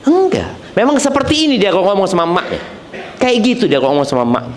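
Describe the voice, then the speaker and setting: A man's voice: high-pitched, wildly swooping pitch, very fast. A male preacher giving a sermon. He recites Arabic verses and explains them in plain everyday speech, repeating key phrases for emphasis and acting out other people's voices. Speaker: Islamic preacher.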